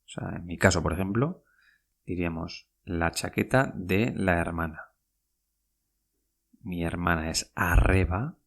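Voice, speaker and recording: A man's voice: sits low, unhurried, gravelly, pauses often. A man teaching a podcast language lesson, patient and repetitive, spelling out words and saying each phrase twice.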